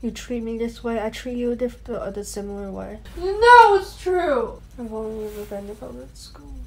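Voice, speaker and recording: High-voiced woman talking in her sleep. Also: lively intonation, normal speed, gravelly, a little hiss or hum, low-quality recording.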